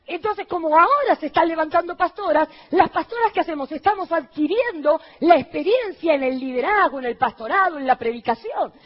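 Woman pastor, Argentine accent, very high-pitched, lively sermon with mocking asides, muffled recording. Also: brisk, few pauses. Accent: Argentine Spanish. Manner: lively preaching, rhetorical questions to the crowd; mocking voices for quoted people, dropping low. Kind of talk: sermon to a congregation.

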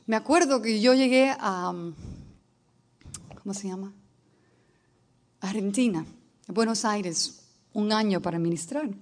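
A woman's voice: medium pitch, measured pace, pauses often, a little mellow. A woman preaching a sermon, telling stories and building to emphatic declarations, with English words mixed into her speech. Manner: storytelling, rising to emphatic declarations.

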